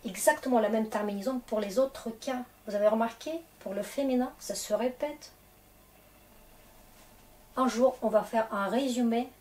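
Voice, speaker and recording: A woman's voice: fairly high pitch, a little mellow, recorded from a distance. A woman teaching a grammar lesson in a casual, chatty way, often checking in with her students to encourage them. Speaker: Russian teacher.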